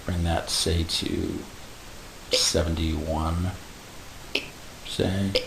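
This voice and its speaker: A man explaining animation software step by step in a casual tutorial, adding little sound effects like "boom". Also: little pitch movement, drawn-out words, gravelly. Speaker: animation instructor. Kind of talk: screen-recorded software tutorial. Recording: echoey room with faint hiss.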